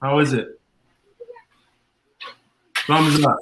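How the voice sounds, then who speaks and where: A man's voice: a little high, little pitch movement, extremely slow, a bit bright, slight background noise. A man chatting casually as a guest, rambling with fillers. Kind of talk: casual chat.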